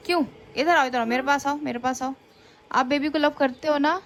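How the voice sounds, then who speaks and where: High-voiced young mother vlogging at home. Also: brisk. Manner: coaxing, scolding, talks to children and viewers. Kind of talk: casual home vlog. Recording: noisy home recording.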